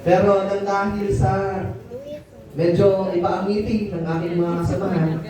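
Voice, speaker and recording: A man's voice: sits high, little pitch movement, moderate pace, crowd noise. A man giving a teasing, playful seminar talk to teachers, mixing in English phrases. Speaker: workshop speaker for teachers. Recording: echoey hall, speaker far from mic.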